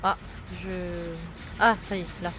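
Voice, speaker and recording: In a very noisy recording with game music behind her, a young French woman with a French accent streams a game, her low-ish voice flat and a little slow. She chats casually and mutters to herself as she plays, often at her own expense.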